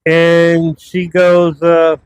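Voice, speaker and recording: A man's voice: on the high side, monotone, very slow, slight background noise, poor audio. A man in his fifties telling personal stories in a rambling, casual vlog monologue from his townhouse. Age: 50s. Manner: rambling, conversational storytelling. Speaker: vlogger.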